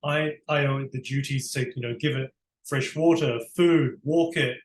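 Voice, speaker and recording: This interview guest is a barrister from New Zealand, judging by his accent, who responds earnestly and explains at length with frequent restarts. His medium-pitched voice is steady and moderately paced. The conversation is recorded in a reverberant space with a little hiss or hum.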